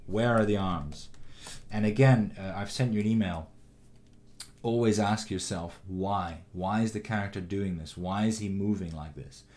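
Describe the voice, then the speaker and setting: A man teaching animation, giving a calm, encouraging critique of a student's shot with frequent ums and restarts. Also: lowish voice, normal speed, slight background noise. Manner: calm, encouraging, many fillers. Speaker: animation instructor. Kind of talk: recorded critique of student work.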